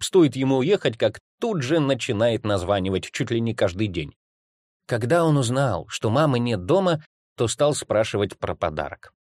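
Animated, ironic male storyteller. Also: medium pitch, no echo, clean studio sound. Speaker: audiobook reader. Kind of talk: first-person humorous story narration.

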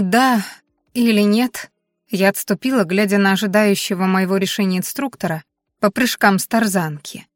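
A woman narrates an audiobook in a mid-pitched voice, giving the dialogue a lively lift. The sound is dry and close-miked, with soft music running faintly underneath. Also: dry recording. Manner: lively, voices the characters' lines.

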